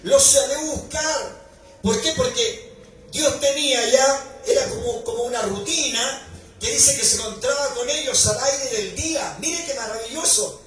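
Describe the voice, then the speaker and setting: A male pastor preaching a sermon, building to shouted emphasis at key points. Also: very high voice, moderate pace, soft background music. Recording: echoey hall recording from far off, faint noise.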